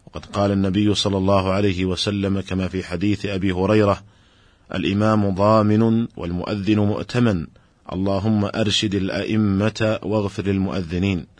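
A man giving a formal religious lesson, explaining rulings in a measured, explanatory way and addressing his listeners directly. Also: deep voice, flat delivery, no room sound. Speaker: Islamic scholar giving a lecture.

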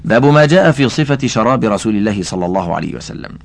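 A man's voice: lowish voice, lively intonation, very fast, creaky. A man reading a classical religious text aloud as an audiobook, adding commentary and carefully spelling out how names are voweled. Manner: addresses the listener directly. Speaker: audiobook reader.

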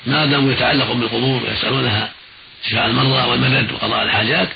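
Male Islamic scholar, formal Arabic, rapid didactic delivery, creaky voice, noisy radio recording. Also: medium pitch, fairly even intonation, lo-fi sound. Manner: didactic, emphatic repetition. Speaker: Islamic scholar answering listeners' questions. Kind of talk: religious instruction in formal Arabic.

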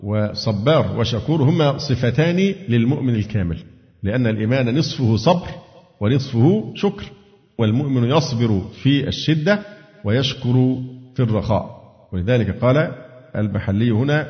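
A man with an Egyptian accent teaching a Quran commentary lesson, asking his students questions and answering them himself. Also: medium pitch. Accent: Egyptian Arabic. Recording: dull lo-fi recording with long hall reverb.

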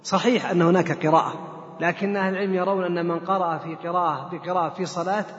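High-voiced man lecturing in an echoey hall. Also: fairly even intonation, very fast. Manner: explanatory, poses questions to the audience and then answers them. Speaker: Quran teacher. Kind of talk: lecture explaining scripture. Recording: echoey hall, dull lo-fi sound.

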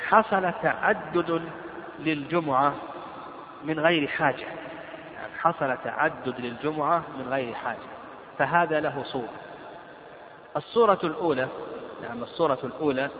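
A man teaching Islamic law, slowly reading a legal text and repeating each point to explain it. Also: a little high. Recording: roomy hall over a tinny line with crowd noise.

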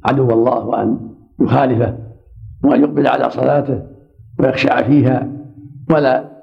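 A man's voice: medium pitch, fairly even intonation, normal speed, gravelly. A man teaching as a sheikh, explaining hadith texts and answering students' questions. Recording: dull lo-fi recording.

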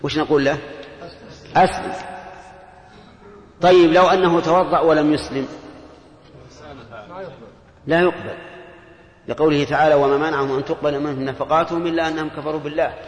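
A male teacher lectures in a slightly higher voice, pausing to quiz his students with rhetorical questions. His voice carries the long reverb of a large, echoey hall. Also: fairly even intonation. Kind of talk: classroom lecture on jurisprudence.

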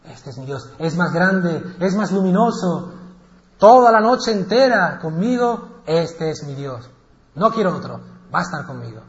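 A man voicing an earnest adult prophet who marvels at the heavens, stretching his exclamations out slowly. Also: fairly high pitch, very animated, reverberant, in a large hall, dull audio. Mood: awed.

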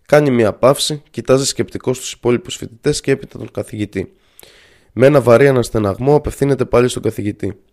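A man narrating a story aloud in a measured, earnest way. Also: mid-range voice, darkish tone.

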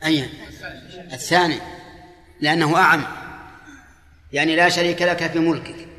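A man's voice: on the high side, steady tone, moderate pace, bright, forceful tone. A man giving a religious lesson, explaining points by asking and answering his own questions. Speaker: Islamic scholar teaching a class. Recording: echoey hall.

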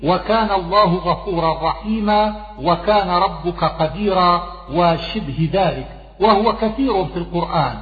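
A man with a high voice reads a scholarly glossary aloud, moving through word meanings in a steady, measured way. His voice echoes through a long, roomy hall. The sound is thin and phone-like. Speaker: reader of a Quranic glossary. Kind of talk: reading a scholarly text aloud.

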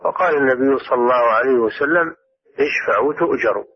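A man, a scholar, calmly answering listeners' religious questions on a radio program. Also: mid-range voice, quick pace, husky. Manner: calm, explanatory. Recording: dull radio recording.

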